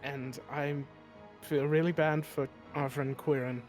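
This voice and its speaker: A man's voice: a little high, level tone, measured pace, a little mellow, faint music behind. A man playing his character in a tabletop game, talking in an earnest, slightly formal way. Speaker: player. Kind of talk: in-character tabletop role-play.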